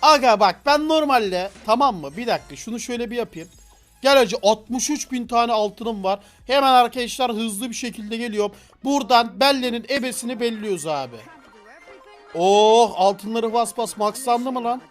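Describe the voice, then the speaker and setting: A man streaming a game live, commenting excitedly in slangy, playful talk and breaking into shouts and laughter. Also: very high voice, normal speed, faint music behind.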